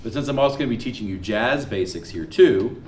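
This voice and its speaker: A man teaching a music theory class, quizzing students and counting notes aloud in a lively lecture. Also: mid-range voice, a little fast, far from the mic. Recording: roomy classroom with guitar behind.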